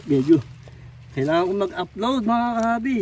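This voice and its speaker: Man, high voice, casual vlog talk, slightly breathless, outdoors at the shore, faint background noise. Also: animated, moderate pace, a little mellow. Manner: chatty, repetitive, addresses viewers constantly. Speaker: vlogger. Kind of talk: casual on-the-spot vlog narration. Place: outdoors on a rocky shoreline at low tide. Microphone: camera on a tripod.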